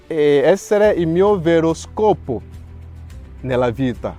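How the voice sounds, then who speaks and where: Man, priest, 30s, slightly high voice, very slow, earnest testimony. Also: darkish tone. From Nigeria. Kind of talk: reading a prepared testimony.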